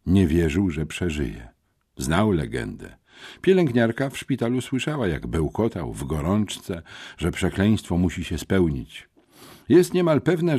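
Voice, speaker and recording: An older man with a husky voice narrating an audiobook in an animated storytelling manner. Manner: animated storytelling, lively shifts in pitch. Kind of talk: scripted narration.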